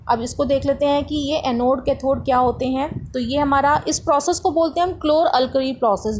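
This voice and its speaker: A woman's voice: high-pitched, a little mellow, a little hiss or hum, poor audio. A woman science tutor explaining a lesson step by step, asking rhetorical questions as she goes.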